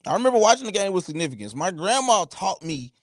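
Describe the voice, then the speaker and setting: Brief: man in his thirties, podcast host, lively and playful, a touch high, dry close sound. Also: fast, no room sound. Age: 30s. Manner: animated, playful banter, slangy. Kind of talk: casual chat.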